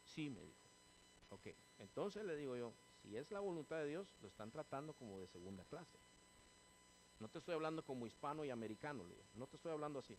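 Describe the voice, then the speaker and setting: A man leads a church sermon in a mid-range voice, speaking to his congregation as brothers. He swells louder and more animated through his stories and settles into earnest prayer. A faint hum sits under the recording. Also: mid-range voice, a little fast, poor audio. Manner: addresses listeners as hermanos, grows loud and animated in stories. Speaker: pastor.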